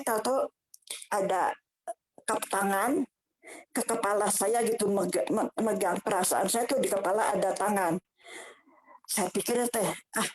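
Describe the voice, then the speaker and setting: An older woman, telling a personal church testimony in an emotional, halting way with many restarts. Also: medium pitch, a little mellow, slightly rough, poor audio. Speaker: church member giving testimony.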